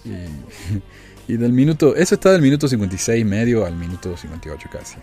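A man's voice: mid-range voice, very animated, fast, warm tone, faint music behind. A man hosting a talk show, giving wry, chatty commentary on the news with frequent rhetorical questions. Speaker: podcast host. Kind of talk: casual commentary.

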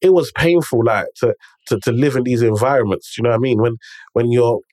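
Here a man with a mid-range, slightly mellow voice talks fairly quickly, and the recording has no room sound. He speaks in urban London roadman style with multicultural slang, emphatically telling stories and giving motivational pointers, repeating himself and checking the listener is with him.

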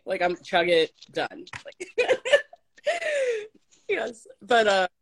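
A woman's voice: a little high, wildly swooping pitch, extremely slow, husky. A woman from Arkansas, hosting a podcast in casual chat, self-deprecating and laughing often. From Arkansas, US South.

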